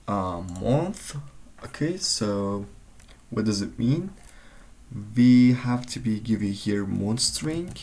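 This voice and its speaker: A man's voice: on the low side, vocal fry, darkish tone. A man in a coding walkthrough, thinking aloud and searching for words, often trailing off mid-sentence. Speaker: tutorial maker.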